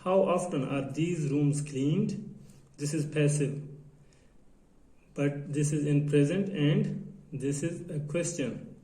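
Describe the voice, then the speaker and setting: Man, grammar teacher, slow halting delivery, slightly high voice, echoey room. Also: warm tone. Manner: halting, repeats phrases, non-native grammar.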